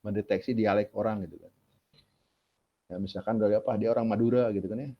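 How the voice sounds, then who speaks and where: A man's voice: on the low side, fairly even intonation, fast talker. A male lecturer, giving a casual, chatty classroom lecture and asking rhetorical questions as he explains. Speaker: university lecturer. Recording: dull lo-fi classroom recording.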